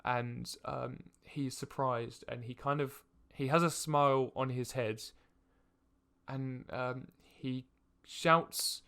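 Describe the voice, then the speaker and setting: A young man running a tabletop game as its game master. He narrates in a hesitant way, full of fillers and restarts, with a gravelly grain to his mid-pitched voice. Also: steady tone, slow, fairly bright tone. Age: young adult. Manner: hesitant, many fillers and restarts, laughs often.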